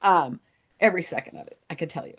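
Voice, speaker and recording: A woman's voice: fairly low pitch, expressive, quick pace, a bit bright, breathy edge. A middle-aged woman co-hosting a podcast, telling a story in casual chat and laughing at herself. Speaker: podcast co-host.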